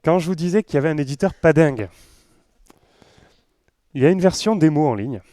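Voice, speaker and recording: A web developer with a southern French accent gives an informal tech talk at a conference, conversational and full of joking asides. His voice is on the high side, warm, with lively intonation and a slightly fast pace, and there's no echo.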